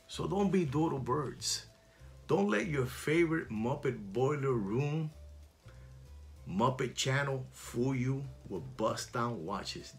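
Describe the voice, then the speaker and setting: A man in his sixties who hosts a watch channel, talking casually and emphatically to camera from a small room at home, repeating his points with animated gestures. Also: mid-range voice.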